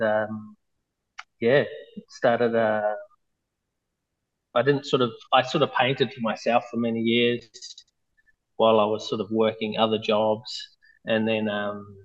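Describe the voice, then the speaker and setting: A man with a broad Kiwi accent talks casually as an interview guest. His delivery is laid-back and hesitant, with little movement in pitch. The recording sounds slightly dull, with the top end rolled off. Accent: broad New Zealand. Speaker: interview guest, mural artist.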